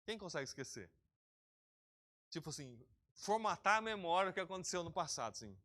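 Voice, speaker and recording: A man preaching a sermon as pastor of an online church service, lively and talking directly to his congregation by name. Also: high voice, fairly quick. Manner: lively, talks straight to the congregation, calls people by name.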